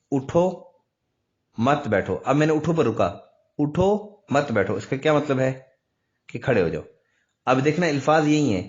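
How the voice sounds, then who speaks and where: A man teaching a step-by-step recitation lesson, patiently explaining and repeating words, drawing them out to demonstrate. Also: mid-range voice. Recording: dull lo-fi recording.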